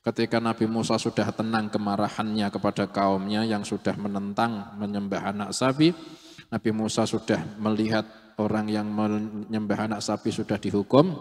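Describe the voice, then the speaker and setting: Low-voiced preacher telling a story. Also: male voice, normal speed. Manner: animated storytelling, acting out quotes. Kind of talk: sermon storytelling. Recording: long echoey hall reverb.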